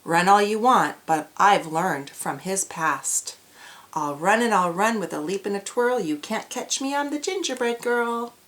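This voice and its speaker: A woman's voice: lowish voice, expressive, a little slow. A woman voicing a cheeky, confident young gingerbread girl from a storybook, delivering boastful rhymes in a sing-song way. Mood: teasing, defiant. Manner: sing-song rhyming taunts.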